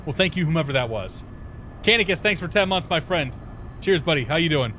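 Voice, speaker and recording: A man's voice: on the high side, lively intonation, fairly quick, sharp tone, slight background noise. A man streaming a flight simulator session on headset audio, chatting casually and greeting viewers by name as he flies. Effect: livestream headset audio. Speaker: livestreamer. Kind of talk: casual commentary while flying a flight simulator.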